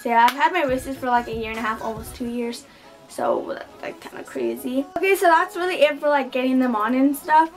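A woman's voice: high-pitched, a little fast. A young woman chatting casually to camera as a vlogger in her bedroom. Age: teens to young adult. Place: small bedroom indoors.

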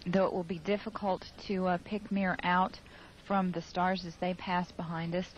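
A woman giving live spaceflight commentary over a mission control broadcast, measured and halting with fillers. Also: on the low side, level tone. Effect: radio-style mission control broadcast. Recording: dull lo-fi broadcast with faint hiss.

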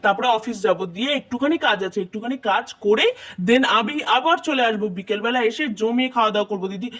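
A performer voicing a hurried younger brother who coaxes and pleads with his sisters in a doll puppet show. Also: medium pitch, fairly bright tone, close to an everyday voice. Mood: coaxing.

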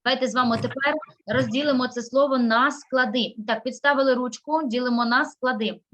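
A woman's voice: high voice, fairly even intonation, a little fast, a bit bright, muffled recording. A woman teaching a primary school class, patiently sounding out syllables and words.

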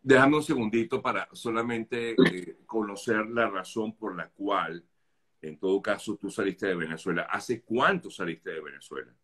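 Guy journalist with a really low voice, polite probing questions. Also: moderate pace, a bit bright. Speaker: journalist interviewer. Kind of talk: interview questions.

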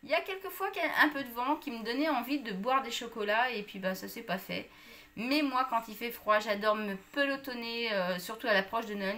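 A woman's voice: on the high side, pushed and bright. A woman chatting casually to viewers about a shopping haul, with many fillers. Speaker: vlogger.

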